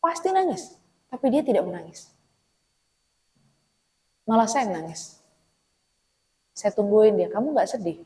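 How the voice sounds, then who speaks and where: A woman, a therapist, giving a conversational religious talk to a women's study group. She is lively, laughs often and asks the audience rhetorical questions. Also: mid-range voice, unhurried, pauses often, poor audio. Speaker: speaker at a women's Islamic study session and therapist.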